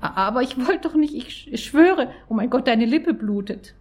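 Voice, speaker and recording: A woman's voice: on the high side, expressive, normal speed, darkish tone, pitched above the performer's own voice. A woman voicing a wounded middle-aged husband who hisses and pleads. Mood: pleading. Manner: hissing, pleading.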